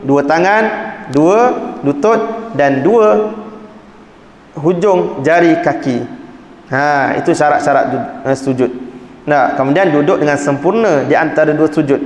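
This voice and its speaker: A man's voice: on the high side, a little slow. A man teaches a religious book lesson in a mosque. He explains points conversationally and keeps checking in with his listeners. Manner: conversational teaching, fillers like "nah", "ha", "tak?". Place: mosque hall. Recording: echoey hall with long reverb.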